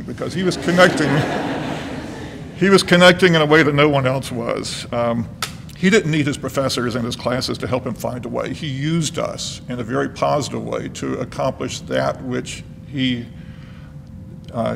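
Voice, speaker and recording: A man delivering a eulogy as a professor, speaking and reading aloud in a solemn, measured manner with a gravelly voice. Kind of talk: eulogy speech, partly read aloud. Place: large reverberant hall. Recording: noisy, reverberant hall with low rumble.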